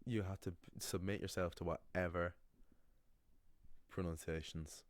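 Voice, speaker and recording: A man's voice: low-pitched, steady tone, a little slow, no echo. A young man teaching pronunciation in a blunt, opinionated way, with frequent restarts. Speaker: language teacher. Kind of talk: casual explanatory monologue.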